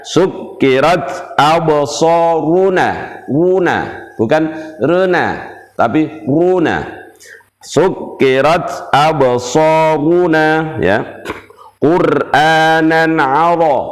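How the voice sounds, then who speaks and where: Guru mengaji pria yang berbicara sangat lambat. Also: male voice, mid-range voice, in a large hall. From Indonesia. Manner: repeats syllables and drills pronunciation, frequent "ya" check-ins. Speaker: Quran recitation teacher. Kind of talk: slow classroom teaching with recited examples.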